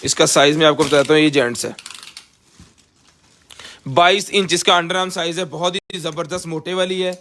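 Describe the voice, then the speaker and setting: A man with a Pakistani accent giving a casual live sales pitch as a seller, pushing items hard and repeating himself like a hard-sell ad. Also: normal speed, long pauses, fairly bright tone, slight background noise. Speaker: live-stream seller of container goods.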